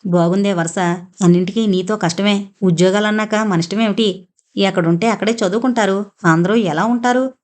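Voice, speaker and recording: A woman's voice: mid-range voice, a little fast, darkish tone, natural voice. A woman doing an impatient, scolding mother. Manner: scolding, dismissive. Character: impatient, practical middle-aged mother.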